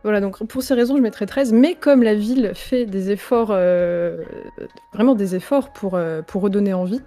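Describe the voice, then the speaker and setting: A woman's voice: medium pitch, normal speed, dark tone, soft background music. A young woman chatting as a guest, enthusiastic and full of hesitant fillers. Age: young adult. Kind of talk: casual chat.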